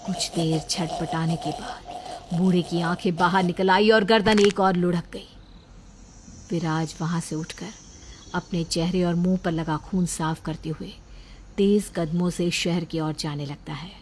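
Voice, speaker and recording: A woman's voice: fairly low pitch, a little hiss or hum. A woman narrating a scripted horror story, with dramatic emphasis at the scary moments. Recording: voice over loud background music.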